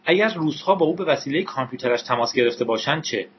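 A man's voice: medium pitch, expressive, muffled recording, a little hiss or hum, close to an everyday voice. A man voicing a sarcastic, bullying male federal agent with a menacing edge. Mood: sneering.

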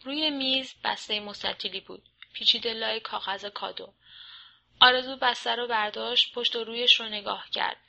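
A woman narrating a story, reading aloud in a lively, expressive way. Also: a little high, vocal fry, rough recording.

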